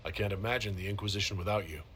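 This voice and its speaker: An actor playing a calm, kindly, modest leader in a video game. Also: male voice, fairly low pitch, very fast, a little hiss or hum, natural voice. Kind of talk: dramatic video game dialogue.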